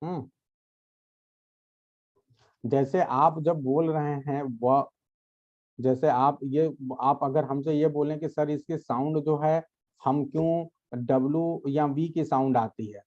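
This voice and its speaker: A man whose voice is a little high and warm lectures his class on English grammar. He explains patiently, speaks to the students directly, and keeps checking that they understand. The recording is muffled.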